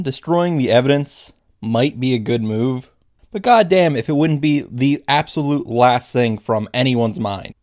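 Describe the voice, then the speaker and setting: A man hosts a video recapping a visual novel, reading lines aloud and adding sarcastic, profane commentary. His voice is medium-pitched with a darkish tone.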